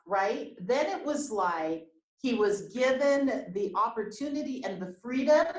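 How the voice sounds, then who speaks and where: A woman's voice: medium pitch, reverberant, rough recording. A woman, a business coach, hosting an interview over a video call, explaining points and checking in with questions.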